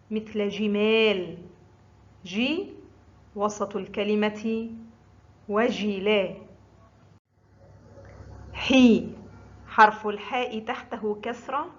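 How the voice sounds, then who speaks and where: A woman teaching Arabic letter sounds, drawing out each syllable slowly and deliberately for learners. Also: mid-range voice, fairly bright tone. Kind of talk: slow scripted letter-pronunciation lesson. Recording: dull lo-fi audio.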